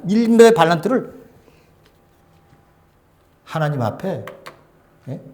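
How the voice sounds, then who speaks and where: Preaching to his congregation, this male pastor alternates between booming exhortations and near-whispers, often asking rhetorical questions. His pitch is fairly high.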